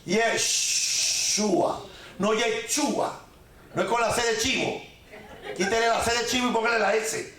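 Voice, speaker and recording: A man preaching and teaching a congregation, joking as he corrects pronunciation and drags words out slowly to repeat them. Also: very high-pitched, steady tone, bright, forceful tone, echoey room. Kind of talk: sermon teaching.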